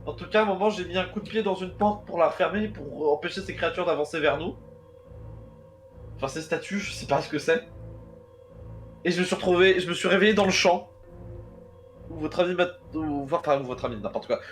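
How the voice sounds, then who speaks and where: A man's voice: on the high side, brisk, long pauses, soft background music, close to an everyday voice. A man voicing a bewildered woman from London who insists she is a victim, talking in a stumbling, defensive way in a tabletop game. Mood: confused.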